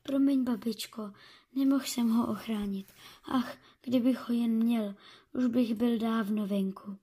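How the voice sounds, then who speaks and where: A frightened young boy from a storybook, voiced by a woman reading aloud. The voice is light and a little high, airy and breathy. He speaks in a soft, near-whispered plea. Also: steady tone. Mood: sorrowful.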